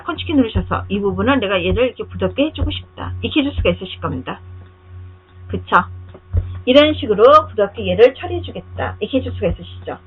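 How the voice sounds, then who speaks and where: A woman giving a step-by-step software tutorial over a screen recording, often pausing to ask the viewer whether they are following. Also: medium pitch, breathy edge. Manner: asks the viewer frequent rhetorical check-in questions; step-by-step, directive instructing. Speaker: software instructor. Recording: dull lo-fi recording.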